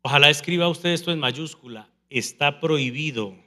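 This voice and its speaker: A male pastor with a high, bright voice preaches a sermon. He leads the congregation in call-and-response and mimics people with lively energy. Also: normal speed. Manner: animated, mimics people speaking in tongues.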